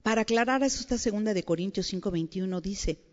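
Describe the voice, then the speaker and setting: A woman preaching a lively conversational sermon to a women's gathering, playful and animated, often asking her audience questions. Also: medium pitch, fast talker. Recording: dull sound with long hall reverb.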